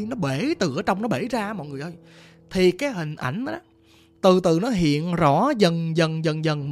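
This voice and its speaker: A storyteller with a Southern Vietnamese accent retelling a ghost story, vivid and animated, acting out sounds. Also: mid-range voice. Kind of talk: retold ghost story narration.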